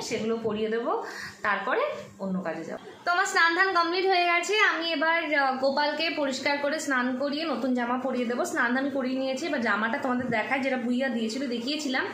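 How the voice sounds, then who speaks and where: A woman's voice: high voice, a bit bright, slight background noise. A young woman from West Bengal chatting casually to her viewers as she shows her home and daily routine. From West Bengal, India. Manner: chatty, showing things to viewers. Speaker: vlogger. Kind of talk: casual home vlog narration.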